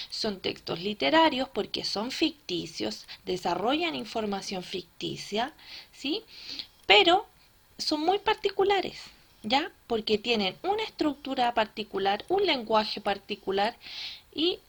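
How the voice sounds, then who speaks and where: A woman teacher gives a recorded lesson at a slow, unhurried pace. Her voice sits a little high, and she explains each point step by step, checking in with quick tag questions as she goes.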